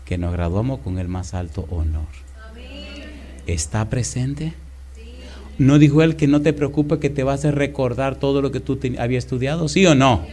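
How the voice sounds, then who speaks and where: A middle-aged man preaching a sermon, telling stories and calling out questions to the congregation with big swings in loudness. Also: medium pitch, steady tone, normal speed. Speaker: pastor. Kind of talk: sermon with storytelling.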